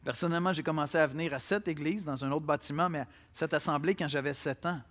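A man preaching a sermon with a Québécois accent, speaking to listeners directly and swinging between loud declarations and quiet asides. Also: a little high, fast. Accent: Québécois French. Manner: conversational, addresses listeners directly.

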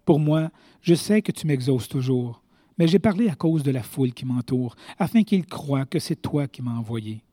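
A man reading Jesus, calm and solemn. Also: mid-range voice, normal speed, no echo, studio quality, natural voice. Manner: read aloud plainly from scripture. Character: Jesus, a calm male teacher.

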